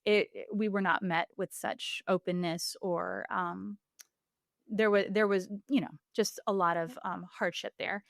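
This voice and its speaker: Speaking unhurriedly in a mid-range, gravelly voice with a steady tone, a woman shares candid reflections in a podcast interview. She's a Puerto Rican singer and voice coach in her forties who laughs often and uses many fillers, recorded in studio quality with no room sound.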